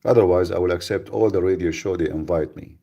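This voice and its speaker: Speaking quickly, this radio host delivers live talk bluntly and with emphasis, restarting sentences and repeating himself often. His voice is very deep, gravelly and husky, dark and mellow in tone, and the high frequencies of the recording are cut off.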